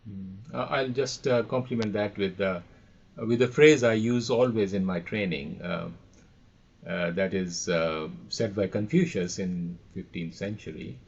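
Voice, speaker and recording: A middle-aged or older man with an Indian accent, an audio and radio trainer, answers questions as a podcast guest, telling anecdotes and repeating phrases for emphasis. His voice is lowish, creaky and slightly rough at a measured pace, over dull, lo-fi call audio.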